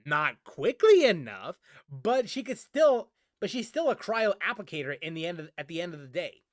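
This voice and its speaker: His voice sits high and has a sing-song quality at normal speed as he answers viewers during a casual gaming livestream. The streamer rambles and repeats phrases for emphasis. Sound is clean studio audio with no room sound.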